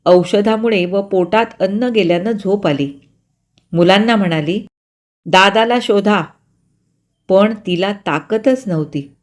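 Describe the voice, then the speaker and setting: A woman narrates a story slowly and carefully in a voice of middling pitch, expressive and measured. She takes her time over each sentence as she tells it.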